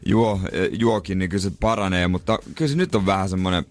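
Radio co-host, male, low-pitched, husky with a sore throat, loose halting delivery. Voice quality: rough, husky. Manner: loose, halting, many restarts. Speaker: radio morning show co-host. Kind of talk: casual radio banter.

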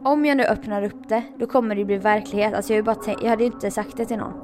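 A woman telling a story in casual chat, animated and laughing often. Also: mid-range voice, over music.

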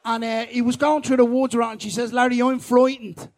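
Middle aged dublin fella, really high voice, blunt sweary banter on stage. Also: male voice, steady tone, brisk, darkish tone. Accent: Dublin, Irish. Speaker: speaker on stage at a live podcast. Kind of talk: casual live banter. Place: live podcast show at a festival.

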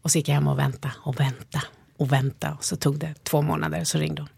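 A woman in an interview, a leadership developer telling her stories in a lively, animated way. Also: low voice, gravelly, breathy edge, no room sound. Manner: lively storyteller, animated retellings. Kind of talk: interview conversation.

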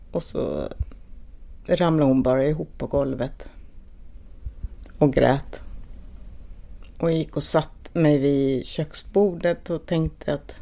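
A middle-aged woman telling her own story in a documentary podcast, speaking haltingly with pauses and restarts. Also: sits low, gravelly, mellow. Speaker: interviewee, bereaved mother. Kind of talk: personal testimony in a documentary podcast.

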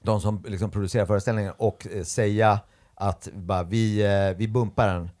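A man's voice: lowish voice, fairly even intonation, a little mellow. A young adult man, a stand-up comedian being interviewed, tells stories in a casual way and acts out the voices he quotes. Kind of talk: casual storytelling chat.

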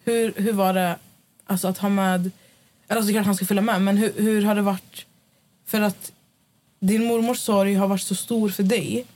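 En kvinna som leder ett avslappnat poddsamtal och ställer följdfrågor. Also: female voice, medium pitch, flat delivery, a little mellow. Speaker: podcast host. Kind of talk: casual chat.

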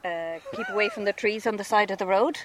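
A woman's voice: mid-range voice, brisk. Irish woman chatting, faint noise. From Wicklow, Ireland. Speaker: holidaymaker interviewed. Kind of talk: casual chat. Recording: faint outdoor background noise.

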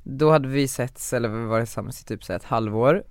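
A young man from Sweden on a podcast, telling a personal story in a casual, animated way full of fillers and acted-out quotes. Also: mid-range voice, dry recording, studio quality. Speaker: podcast co-host.

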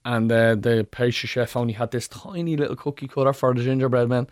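A man's voice: medium pitch, fairly even intonation, brisk, no room sound, clean studio sound. A man with an Irish accent co-hosting a podcast in casual, slangy, jokey chat. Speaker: podcast co-host, chef.

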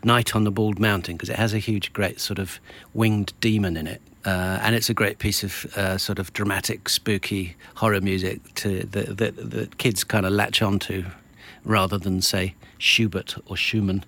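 A man's voice: on the low side, flat delivery, moderate pace, fairly bright tone. A man hosting a casual interview, often restarting and repeating words as he thinks. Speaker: host.

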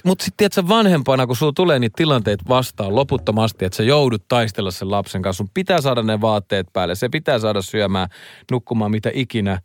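A man's voice: fairly low pitch, no room sound, studio quality. A man in his thirties hosting a radio show, chatting casually and telling rambling stories with lots of fillers. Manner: lively, rambling storyteller with many fillers. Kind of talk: casual studio chat.

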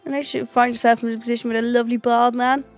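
A woman's voice: a little high, level tone, very fast, soft background music. A woman with a Dublin accent chatting casually as a podcast co-host. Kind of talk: casual banter.

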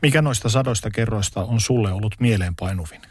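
A man with a slightly low voice asks his guest short, direct questions in a calm tone. The sound is dry, with no room echo. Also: breathy edge. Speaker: interviewer. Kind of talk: interview questions.

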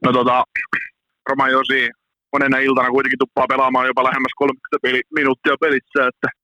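Bright-voiced man in a dry close mic. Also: medium pitch, completely flat delivery, no echo, low-quality recording. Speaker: podcast co-host. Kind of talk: casual sports chat.

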